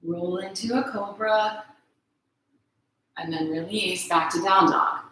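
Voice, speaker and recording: A woman teaching a yoga flow in a bright, clear voice. She calls out poses calmly and encouragingly, often checking in with the class. The sound rings through a very echoey room. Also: mid-range voice, slow pace, slight background noise. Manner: calm, encouraging cues with frequent "right?" check-ins. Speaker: yoga instructor. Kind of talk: guided yoga class instruction.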